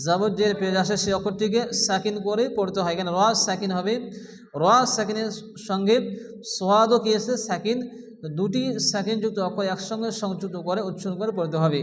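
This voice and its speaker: A man teaching Quran recitation step by step, who asks questions, answers them himself, and recites slowly in a chanting tone. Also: high-pitched, long reverb tail, rough recording. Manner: explains rules, then recites slowly in a chanting tone.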